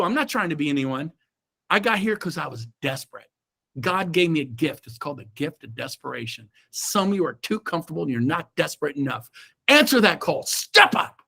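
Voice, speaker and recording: High-voiced, fired-up middle-aged man. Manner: fired-up, emphatic, swings from shouts to low asides. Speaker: real estate team leader. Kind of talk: motivational coaching talk. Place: indoors, own room on a Zoom call. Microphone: video call.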